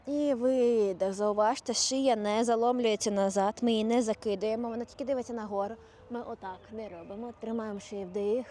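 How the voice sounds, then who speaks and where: A woman leads a yoga class, counting breaths and guiding each pose with calm, step-by-step cues. Her voice sits fairly high but has a mellow, dark tone. Faint outdoor noise hums behind her. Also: brisk. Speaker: yoga instructor.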